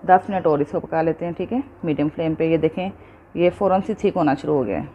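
A woman's voice: low-pitched, fast talker, dull audio, a little hiss or hum. A woman hosting a cooking show, patiently explaining each step and checking in with her viewers.

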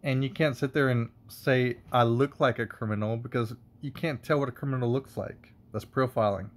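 A wine reviewer who vlogs rants casually to the camera, rambling and working himself up with lots of fillers and swearing. His mid-range voice keeps a steady tone at normal speed.

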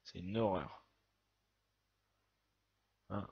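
Husky-voiced man in excitable game commentary. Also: sits low, very slow, no echo, lo-fi sound. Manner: excitable, swearing, chatty running commentary. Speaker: gaming video host. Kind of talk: let's play commentary.

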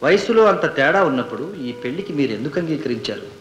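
An actor playing a sharp, insistent lawyer cross-examining witnesses in an old film. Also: male voice, medium pitch, animated, quick pace, slight background noise, lightly acted. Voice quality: probing, insistent. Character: sharp probing male defence lawyer. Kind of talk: 1970s Telugu film acting. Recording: echoey old film soundtrack.

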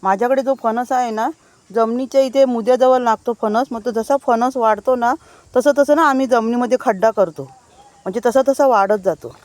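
Her voice on the high side and darkish in tone, a married adult woman talks briskly as she films a casual walking tour of village gardens on her phone, keeping up a chat with viewers and pointing things out. The recording has no echo.

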